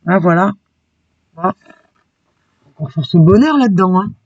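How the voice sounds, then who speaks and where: Gravelly-voiced woman chatting through a haul. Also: on the low side, expressive, measured pace, a little mellow, no room sound, far from the mic, highs cut off. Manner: chatty and enthusiastic, peppered with "hein". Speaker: craft YouTuber. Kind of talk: casual shopping haul vlog.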